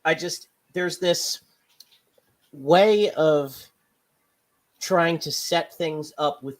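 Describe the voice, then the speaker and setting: A podcast co-host with a mid-pitched voice talks in a wry, loose, rambling way. The chat is casual and opinionated, with plenty of profanity thrown in. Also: drawn-out words.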